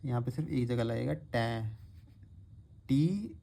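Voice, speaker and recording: Male teacher, step-by-step lesson, stretches words to show sounds, mid pitch. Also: slow, gravelly, mellow. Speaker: shorthand teacher.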